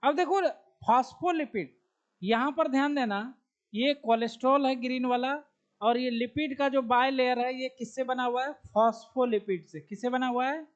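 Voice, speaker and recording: A man with a Bihari Hindi accent, very high for a man, gives a slow, unhurried biology lecture. He quizzes the class and answers his own questions. The recording is dull and lo-fi. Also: clear, resonant tone. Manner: asks the class questions and answers them himself; slow, repeats key terms while writing on the board. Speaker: biology teacher.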